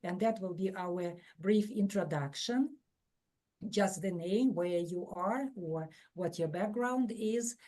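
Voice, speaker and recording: A woman from Ukraine presenting an online workshop over a video call, speaking in a measured way with some fillers. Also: on the low side, warm tone. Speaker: webinar presenter.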